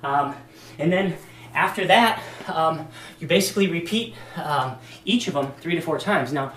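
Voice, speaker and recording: A man's voice: a little high, moderate pace, fairly bright tone, slight background noise. A man demonstrating workout exercises as a fitness instructor, talking casually with many fillers and a bit out of breath. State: slightly out of breath. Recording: echoey room, distant mic.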